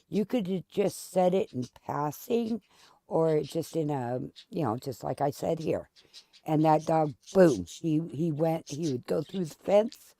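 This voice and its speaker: A woman's voice: low-pitched, dark tone, no room sound. A woman hosting a gaming video, chatting casually and candidly in a rambling, storytelling way while she plays. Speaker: gaming channel host. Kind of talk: casual chat while playing a game.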